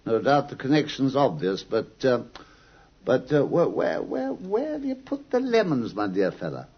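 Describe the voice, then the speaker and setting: An actor with a British accent playing a hearty, fussy gentleman doctor in an old radio drama, blustery and hesitant in manner. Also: mid-range voice, sing-song, moderate pace, husky. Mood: fussy, curious. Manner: hesitant, blustery, repeating himself. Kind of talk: old-time radio drama acting and narration. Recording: muffled, slightly noisy old radio recording.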